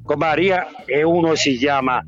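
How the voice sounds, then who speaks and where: Sicilian guy comedian chatting on the radio, pretty high voice, repeats himself, music behind. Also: measured pace, fairly bright tone. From Sicily, Italy. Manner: emphatic, repeats phrases, jokey. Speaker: guest, comic actor. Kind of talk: casual chat. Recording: dull lo-fi radio sound with music.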